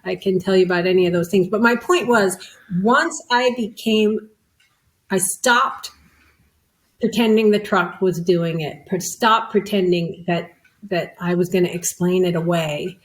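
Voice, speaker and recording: Animated woman telling a personal story. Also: lowish voice, unhurried, low-quality recording. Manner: animated, acts out quoted voices, self-mocking. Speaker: podcast guest.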